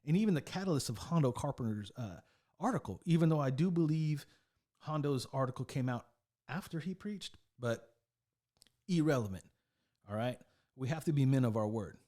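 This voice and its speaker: A man's voice: mid-range voice, animated, normal speed, dark tone. Chatty male sports commentator. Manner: conversational, repeats himself, keeps asking "right?". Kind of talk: casual video commentary.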